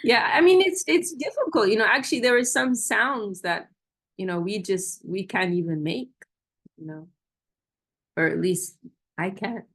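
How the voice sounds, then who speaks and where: A woman's voice: mid-range voice, lively intonation, moderate pace. A woman hosting an online question-and-answer session, talking casually and hesitantly over a video call, often restarting her sentences. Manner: warm, self-deprecating, hesitant with restarts. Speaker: host of a Q&A session.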